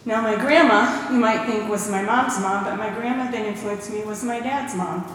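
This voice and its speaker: Talking at a normal speed in a medium-pitched voice, a woman gives a warm testimony in church, sharing stories and reciting scripture. The echoey hall was recorded from a distance, leaving a little hiss or hum.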